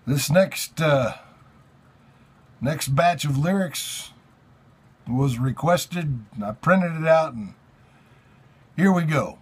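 A man's voice: a little high, animated, takes it slowly, pauses often, slightly rough. A man in his forties talking casually to camera as a presenter. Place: small indoor room with racks of electronic equipment.

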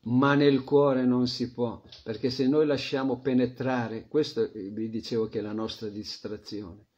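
Slow-speaking man giving a scripture class. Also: medium pitch, steady tone. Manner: reflective, drops to a soft murmur at phrase ends. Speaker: spiritual teacher. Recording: dull lo-fi recording.

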